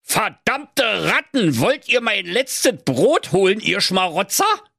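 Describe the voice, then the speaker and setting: A man's voice: high-pitched, big pitch swings, takes it slowly, vocal fry, sharp tone, no echo, clean studio sound, voice pushed up, exaggerated voice. A man voicing a cantankerous stingy old male miser with a Berlin accent, grumbling and scolding. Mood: angry.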